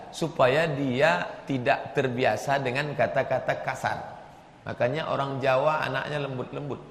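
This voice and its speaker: Animated preacher in an echoey hall. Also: male voice, medium pitch. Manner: animated, rising to loud emphatic answers. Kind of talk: sermon.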